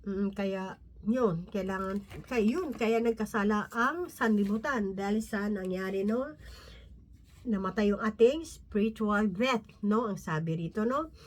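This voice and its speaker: A medium-pitched woman, a lay preacher, gives an informal Bible talk. She chats conversationally, with lots of tag questions, restarts and soft laughs, and slowly reads scripture from her notes.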